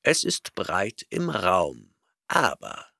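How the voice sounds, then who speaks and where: A man's voice: low-pitched, wildly swooping pitch, extremely slow, creaky, sharp tone, no room sound, studio quality, exaggerated voice. A man reading an audiobook voices an arrogant, eccentric male professor who lectures impatiently and snorts at his listener. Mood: lecturing.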